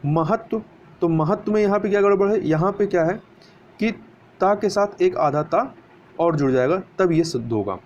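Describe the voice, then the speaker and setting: A man's voice: high voice, moderate pace, darkish tone. A man teaching a spelling lesson for exam preparation, explaining step by step and answering his own questions. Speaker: Hindi grammar teacher. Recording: dull lo-fi recording with faint hiss.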